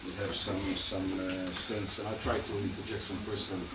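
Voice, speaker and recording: A criminologist with a Hungarian and Israeli accent delivers an academic lecture in a deep, level voice at normal speed, full of fillers and dry asides. The lecture room sounds like an echoey hall, recorded noisily from a far mic.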